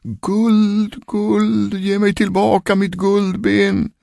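A man voicing the ghost of a dead lady, crying out from her grave in a high wail, in a spoken ghost story. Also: monotone, creaky, a little mellow, no echo, clean studio sound. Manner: high wailing cry.

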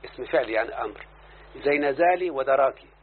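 A man's voice: medium pitch, animated, fast. Egyptian man teaching grammar over a tinny line. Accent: Egyptian Arabic. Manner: explains verses and checks in with his student. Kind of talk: classroom lesson on grammar. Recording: lo-fi phone-like recording with faint hiss.

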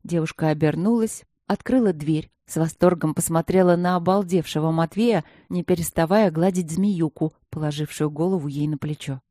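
A woman narrating an audiobook in a lively storytelling manner. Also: deep voice, normal speed, hardly any pauses, no echo, studio quality. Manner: lively storytelling with character voices. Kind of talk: scripted narration.

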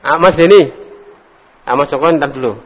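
A man teaching Arabic to a class, quizzing students, correcting them with gentle teasing and sounding out words slowly. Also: fairly high pitch, husky, dull audio. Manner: drills pronunciation slowly, corrects and teases students. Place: lecture hall with students. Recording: echoey hall recording.

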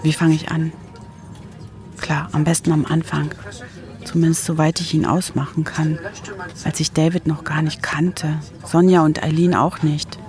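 Over background music, a woman in her forties narrates her own radio documentary in scripted first person, with phone calls woven in. Her low voice is flat and unhurried.

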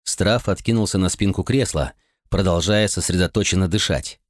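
A man narrating an audiobook in an expressive, dramatic reading. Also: low-pitched, moderate pace, dry recording, studio quality. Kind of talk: scripted narration.

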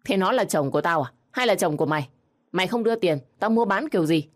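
Harsh, berating old mother-in-law in a storybook, read by a woman with a low voice. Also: expressive, quick pace, natural voice. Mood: scolding. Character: shrill scolding elderly mother-in-law.

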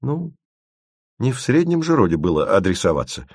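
A man's voice: fairly low pitch, big pitch swings, moderate pace, creaky, darkish tone, no echo, studio quality, heavily acted. A man reading an audiobook, voicing a theatrical know-it-all male colleague who lectures emphatically. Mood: lecturing.

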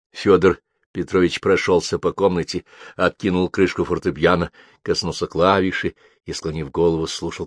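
A man narrating a literary audiobook with a very low, deep voice. His delivery is measured and steady. The close studio sound is dry, with no room echo. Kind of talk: scripted narration.

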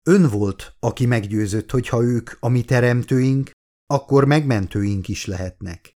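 A man's voice: medium pitch, warm tone, natural voice. A man voicing a frail, dying old man who speaks in a tired, weak voice. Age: older.

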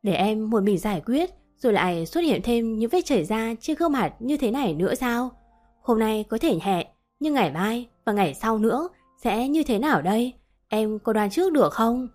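A woman voicing a devoted young husband in a spoken story, speaking softly and earnestly. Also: on the high side, animated, normal speed, faint music behind. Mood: stern. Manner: tender, then stern when worried.

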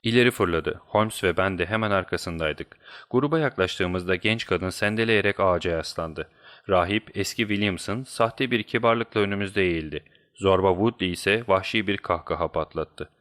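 A man's voice: deep voice, normal speed. A man reading a detective story aloud as an audiobook narrator, telling it steadily. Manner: steady storytelling, voicing each character.

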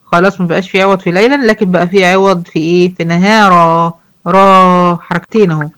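Egyptian woman, tajweed teacher, asks questions and answers them herself, recites examples slowly. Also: lowish voice, steady tone, fairly bright tone. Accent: Egyptian Arabic. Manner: explains rules, then recites verses slowly.

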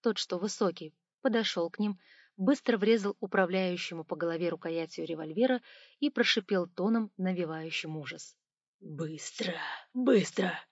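A woman narrating an audiobook in an expressive storytelling way. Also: on the low side, normal speed, no echo, dull audio.

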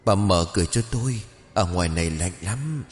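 A man voicing a ghost posing as a dead old husband, coaxing softly. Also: deep voice, expressive, normal speed, big-room sound, faint music behind.

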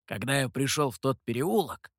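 A man's voice: mid-range voice, animated, normal speed, no room sound. A man voicing a brash, playful male monkey demon who boasts and teases, read in a very dry, close sound. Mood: conspiratorial. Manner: boastful and teasing.

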